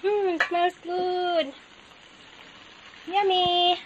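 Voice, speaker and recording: A woman's voice: very high-pitched, little pitch movement, drawn-out words, lo-fi sound, background noise. A woman with a Filipino accent, chatting casually to viewers while cooking in her home kitchen, filmed on a handheld phone. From Philippines. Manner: chatty, addresses viewers as guys, frequent wow and yummy. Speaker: cooking vlogger. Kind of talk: casual cooking vlog narration. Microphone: handheld phone camera.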